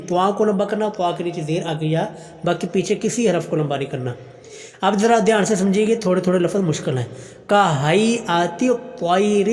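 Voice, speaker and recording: A man teaching Quran pronunciation, chanting verses slowly and melodically, then explaining each letter quickly in plain speech. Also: high voice, a little mellow, big-room sound. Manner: slow melodic recitation alternating with quick explanation.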